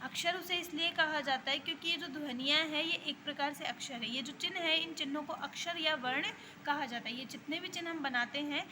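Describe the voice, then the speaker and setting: A woman school teacher with an Indian accent talks young pupils through a grammar lesson. Her voice sits high and sounds bright and clear. She repeats each point patiently, over a faint background hiss. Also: brisk. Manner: patient, repetitive explaining with frequent checks.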